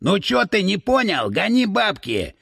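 A man voicing a crude, menacing male street thug with slow, drawling speech. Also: high voice, huge pitch swings, gravelly, a bit bright, husky, no echo, studio quality, exaggerated voice.

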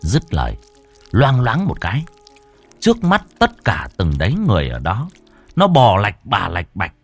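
A male storyteller, his voice low-pitched and husky, swinging widely in tone as he narrates a horror tale. The recording is dry and close, with faint music underneath. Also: a little slow, dry recording. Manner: expressive, theatrical delivery.

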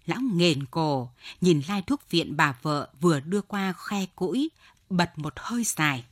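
Woman with a low voice narrating a story. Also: slightly rough, no room sound, clean studio sound. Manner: expressive, dramatic storytelling. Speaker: audiobook reader.

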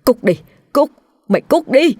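A woman's voice: low-pitched, brisk, no echo, studio quality. A woman voicing a jumpy, guilt-ridden middle-aged father who stammers when caught. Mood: angry. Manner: stammering, flustered.

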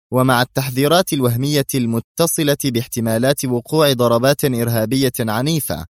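A man voicing a sharp, cold female national security adviser in an audiobook, speaking curtly. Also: mid-range voice, dry recording, clean studio sound, natural voice. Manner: sharp, curt.

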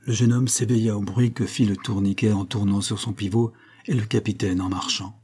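A man reading a French novel aloud as audiobook narration, measured and even. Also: fairly low pitch, slightly rough. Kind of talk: scripted narration.

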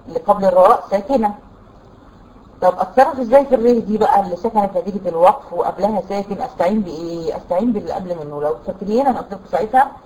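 A woman with an Egyptian Arabic accent teaching a tajweed lesson, explaining rules patiently, quizzing her students and reciting examples slowly. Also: medium pitch, darkish tone, low-quality recording. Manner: quizzes students with rhetorical questions.

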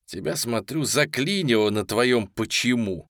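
A man voicing a menacing, cold young male gunman in an audio story, who talks coarsely and sometimes drawls slowly. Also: mid-range voice, animated, a bit bright, no echo, studio quality.

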